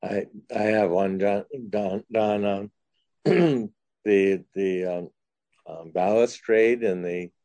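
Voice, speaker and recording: Mellow low man, playfully pedantic. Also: steady tone, takes it slowly, dry recording. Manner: playful, pedantic, stumbling starts. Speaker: board member asking questions. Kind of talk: meeting discussion.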